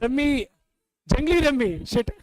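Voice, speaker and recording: A man from India runs a live class, quizzing students and scolding them playfully. His voice sits very high and he drills through points slowly. The sound is dry and close. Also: animated, no room sound, low-quality recording. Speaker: teacher. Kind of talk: classroom revision lecture.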